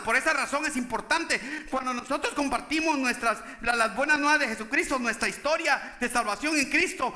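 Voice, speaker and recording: A male pastor delivers an emphatic sermon and keeps turning to the congregation for agreement. His voice sits very high and sounds sharp and bright. The sound echoes around a roomy church. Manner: emphatic preaching with repeated "¿sí?" to the congregation.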